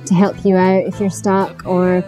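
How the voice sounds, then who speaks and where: A woman's voice: fairly low pitch, completely flat delivery, moderate pace. A woman explaining things in an easygoing way in a documentary interview. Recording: loud music and crowd behind.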